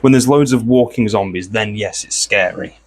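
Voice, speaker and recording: Husky low-voiced man rambling. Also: normal speed. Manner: meandering, rambling, often clears throat. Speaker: art channel host. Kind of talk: casual chat while making art.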